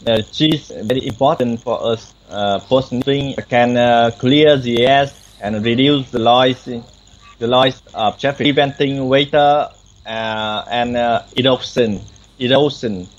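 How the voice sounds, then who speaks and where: A man's voice: medium pitch, slight background noise. Vietnamese guy learning english online, lots of uh and restarts, muffled call sound. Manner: halting, many fillers, self-corrections. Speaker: student. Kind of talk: online speaking lesson. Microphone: video call.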